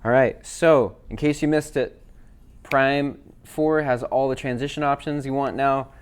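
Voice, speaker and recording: A man's voice: medium pitch, unhurried. Casual man demoing an app over music. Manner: relaxed, chatty, with fillers. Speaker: worship leader presenting an app. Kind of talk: casual software demo. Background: backing tracks playing.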